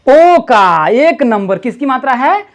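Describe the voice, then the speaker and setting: Lively, patient woman tutor. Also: high voice. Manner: patient, repeats syllables slowly, coaxing and encouraging. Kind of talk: one-on-one reading lesson.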